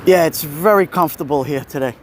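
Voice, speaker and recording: A man's voice: a little high, a little fast. A middle-aged man with an Italian-American Brooklyn accent, chatting casually to viewers as he livestreams a walk outdoors. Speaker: livestream host. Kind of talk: casual walking livestream chat, replying to viewers. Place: outdoors walking on a city street. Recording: outdoor street noise. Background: street ambience, passing vehicles.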